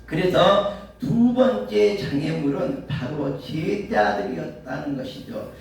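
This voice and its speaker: A man's voice: high-pitched, animated, takes it slowly, vocal fry, darkish tone, a little hiss or hum. A male pastor preaching a sermon, asking his listeners rhetorical questions. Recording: very echoey room, mic far off.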